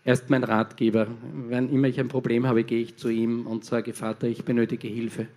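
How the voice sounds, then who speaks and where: A man's voice: mid-range voice, little pitch movement, fairly quick, a little mellow. Guy translating a sermon live, line after line, little hesitations here and there. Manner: follows closely, with fillers and restarts. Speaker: interpreter.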